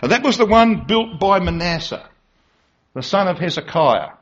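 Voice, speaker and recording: A man preaches a sermon to a congregation, speaking emphatically and repeatedly tossing in rhetorical tag questions. His voice is high, animated and a bit bright at a normal pace, captured in a dull lo-fi recording.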